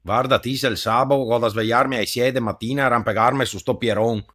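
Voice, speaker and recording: A man's voice: mid-range voice, steady tone, fast, fairly bright tone. A man with a Venetian accent doing a comic dub in broad dialect, talking in a colloquial, crude, grumbling way.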